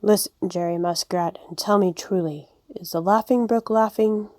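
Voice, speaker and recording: A woman playing a very old, wise frog in a storybook. He is fussy and easily startled and cries out his words loudly. The voice is warm and sits fairly low, recorded dry and close. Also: animated, normal speed, no echo. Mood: exclaiming. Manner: exclaiming, loud and emphatic.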